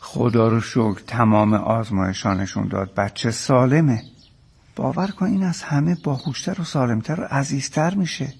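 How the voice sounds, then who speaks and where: An actor playing a calm husband who coaxes and reassures his tearful wife. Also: mid-range voice, vocal fry, slightly rough. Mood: coaxing. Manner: soothing, coaxing. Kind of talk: TV drama acting.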